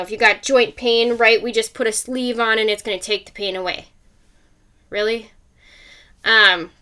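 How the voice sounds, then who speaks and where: A woman's voice: fairly high pitch, bright, forceful tone. A woman hosting a podcast, delivering a blunt motivational monologue full of rhetorical questions. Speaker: podcast host.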